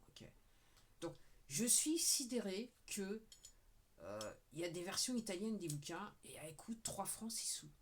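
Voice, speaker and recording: A video creator talks casually to her viewers in a talking-head monologue, rambling, repeating "ok" often and sometimes dropping to a murmur. Her medium-pitched voice is very animated and a little slow.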